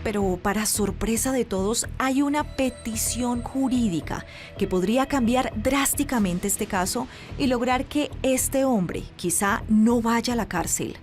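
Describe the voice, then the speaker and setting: A woman's voice: on the high side, soft background music. Grave Colombian woman narrating news. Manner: measured, grave delivery. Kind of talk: scripted investigative narration.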